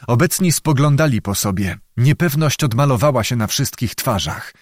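Measured male audiobook narrator, dry sound. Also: medium pitch, expressive, no room sound. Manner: measured dramatic storytelling. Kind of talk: scripted narration.

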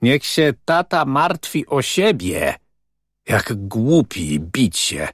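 A man's voice: mid-range voice, big pitch swings, slow, no echo, studio quality, full character voice. A man reading as a cocky, scornful young man who talks in a brash, dismissive way.

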